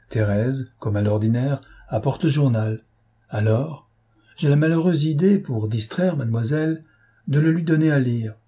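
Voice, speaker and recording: A man's voice: medium pitch, dark tone, husky, close to an everyday voice. A man voicing a talkative female governess who recounts events in a chatty, fretful way.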